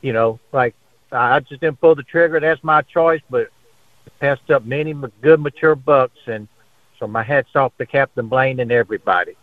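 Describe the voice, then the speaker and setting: A man's voice: medium pitch, normal speed, no room sound. A man calling in to a radio show by phone and chatting casually. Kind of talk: casual friendly phone chat. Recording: narrowband phone line.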